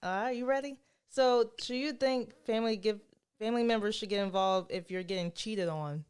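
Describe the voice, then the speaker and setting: Late-20s woman co-host with a smooth, clear voice, talkative and giggly. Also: medium pitch, darkish tone. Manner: chatty and quick to laugh. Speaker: podcast co-host. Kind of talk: casual chat.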